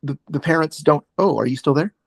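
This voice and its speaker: An American man in his forties from Oregon chats casually as a podcast guest over a video call, rambling with lots of fillers and restarts. His voice is on the high side, a little fast, creaky and husky. The sound is clean, studio-like, with no echo.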